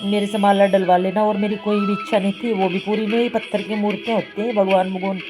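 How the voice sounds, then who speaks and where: A heartbroken, bitter old devotee who speaks wearily, as a woman narrating quotes him. Clear instrumental music runs behind this devotional story, and the voice keeps an ordinary middle pitch. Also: little pitch movement, fast talker, lightly acted.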